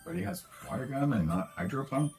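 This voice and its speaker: A man's voice: medium pitch, sing-song, a little fast, gravelly, a little mellow. A man casually chatting while playing a video game, wry and playful. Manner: wry, playful, reads game lines aloud. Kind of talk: casual gameplay chat. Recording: faint game music behind.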